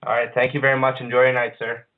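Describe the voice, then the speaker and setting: A man's voice: mid-range voice, level tone. A man hosting an online radio show, talking casually with lots of hesitations and restarts. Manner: halting, many uhs and restarts. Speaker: podcast host. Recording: phone-line quality audio.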